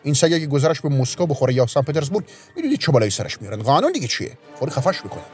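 A man's voice: on the high side, very animated, faint music behind. A man voicing a pompous, fickle middle-aged police officer in a storybook reading. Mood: bossy. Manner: bossy, blustering.

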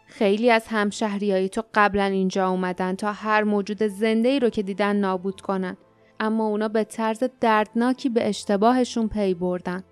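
A woman's voice: medium pitch, steady tone, clear, resonant tone, no room sound, faint music behind, lightly acted. A woman voicing a scornful, wary teenage girl who lives wild in a forest, in a storybook reading. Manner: mocking, wary.

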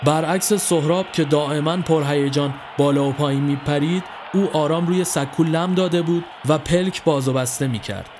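A man reading a horror story as narrator, in a measured, even storytelling manner. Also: a little high, background noise.

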